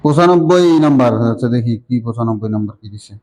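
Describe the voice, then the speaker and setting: A man's voice: medium pitch, lively intonation, fast, a little mellow, poor audio. A man teaching an online grammar class, explaining letters and often checking that students understand.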